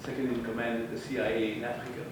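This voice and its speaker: An older Belgian man with a Dutch-French Belgian accent tells an audience his wartime eyewitness story, speaking very fast in a mid-range voice with flat delivery yet emphatic, wry humor. The recording has a distant mic, an echoey room, and audible noise.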